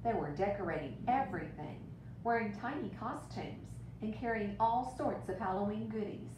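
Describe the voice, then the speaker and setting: A woman teacher reads a picture book aloud to children, telling the story expressively and deliberately for her young listeners and adding brief asides. The mic is distant and the sound roomy, with a rumbling noise underneath.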